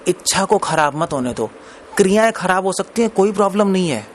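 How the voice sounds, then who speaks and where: A man's voice: high voice, lively intonation, a little fast, slight background noise. A man preaching a scripture discourse in a conversational way, mixing in English words and laughing between points.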